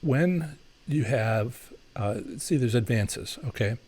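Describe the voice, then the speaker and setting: At medium pitch and a slow pace, a man hosts a live question-and-answer stream, his voice animated, darkish, and slightly rough. He chats loosely with viewers, filling his explanations and advice with fillers and restarts.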